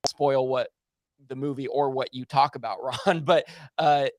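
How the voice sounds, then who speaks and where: A man's voice: medium pitch, fairly even intonation, a little slow, no room sound, studio quality. A man hosting a casual podcast chat, talking in an eager, rambling way. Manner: enthusiastic, rambling. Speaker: podcast host.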